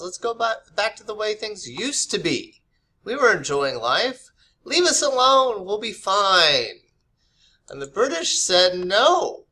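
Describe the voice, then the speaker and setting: Bright-voiced man teaching history casually. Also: on the high side. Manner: loose, conversational, many fillers and restarts. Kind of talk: unscripted video lesson. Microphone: camera mic.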